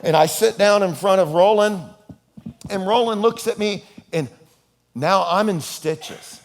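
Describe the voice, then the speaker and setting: A male pastor preaching a sermon, a playful storyteller who jokes around, animated and expressive as he swings between hushed and loud. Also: high voice, unhurried.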